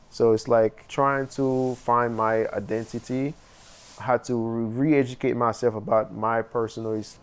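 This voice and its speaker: A young man from Haiti, a painter, has a lowish voice and a Haitian accent from his first language, Haitian Creole. Interviewed for a documentary, he reflects aloud with loose phrasing and plenty of fillers.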